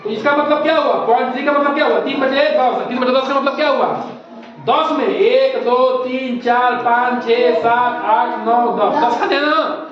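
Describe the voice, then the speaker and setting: A male primary school teacher explains step by step and keeps asking his class questions. His voice sits very high for a man. The sound is dull and muffled, and a strong echo fills the classroom. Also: steady tone, moderate pace. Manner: patient, repetitive, asks rhetorical questions. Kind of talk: classroom lesson. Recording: echoey muffled classroom recording.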